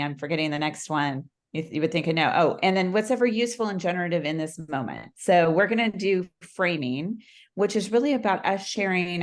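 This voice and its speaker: A woman with a low voice leads an informal group session as facilitator. She speaks haltingly, thinking aloud while she lays out the next step. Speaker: workshop facilitator.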